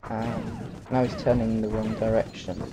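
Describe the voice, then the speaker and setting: A man's voice: lowish voice, flat delivery, moderate pace. A man giving live gameplay commentary as a let's play gamer, grumbling and sarcastic. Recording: game music behind the voice.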